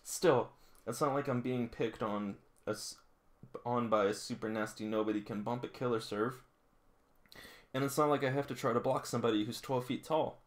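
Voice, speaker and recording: Speaking at medium pitch and normal speed with fairly even intonation, a man reads manga aloud as a read-along host, adding casual remarks. He stumbles, rereads lines, and chuckles at the story, all from a small indoor room full of figurines.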